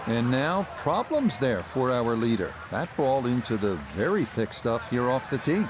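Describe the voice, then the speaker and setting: A man commentating on golf in a measured, descriptive announcer's delivery. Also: medium pitch, very animated, background noise.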